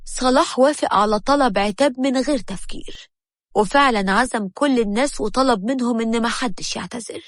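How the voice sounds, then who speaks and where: A woman narrating a scripted story in an Egyptian accent, with steady storytelling. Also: fairly high pitch, brisk, dry recording, studio quality.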